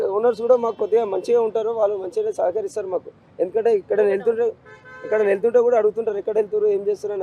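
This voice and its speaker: Man, middle-aged, grieving, pleading, high-pitched, mellow tone. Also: breathy edge, highs cut off. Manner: grief-stricken, repetitive, pleading. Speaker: bereaved father interviewed. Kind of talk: emotional street interview.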